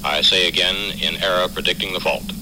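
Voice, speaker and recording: A mission control operator heard over a radio transmission, his very low voice calm and clipped in radio procedure. Steady hiss rides under every word of the link. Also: fairly quick. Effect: radio transmission from ground control.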